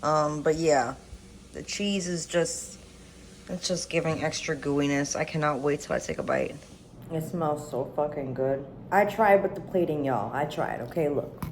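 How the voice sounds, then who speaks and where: A woman's voice: low voice, lively intonation, unhurried, a little mellow, echoey room, slight background noise, low-quality recording. A woman in her thirties chatting casually as she cooks in a home kitchen, swearing freely and talking candidly. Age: 30s. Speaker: cooking vlogger. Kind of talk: casual cooking chat.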